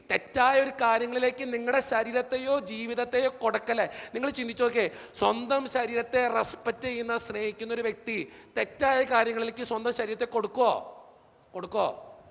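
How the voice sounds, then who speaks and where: A priest gives a lively, joking talk to young people, slipping into the voices of the people in his stories. His voice sits very high for a man and has a gravelly edge. It rings with a long reverb, as if across a big hall. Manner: animated storytelling, acting out the people he quotes.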